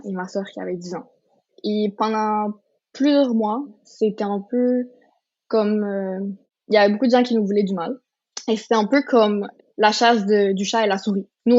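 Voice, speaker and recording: A woman in her twenties from Colombia talks earnestly as a podcast guest, pausing and restarting often. Her pitch sits mid-range for a woman. The recording sounds a little dull and lo-fi. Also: darkish tone. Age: 20s. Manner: earnest, many fillers and restarts. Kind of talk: casual testimony chat.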